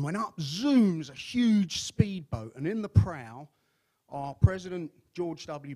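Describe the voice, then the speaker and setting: A man telling a long stand-up joke on stage at a microphone, halting and full of fillers as he builds to the punchline. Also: on the high side, darkish tone. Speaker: comedy contestant. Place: conference hall on stage.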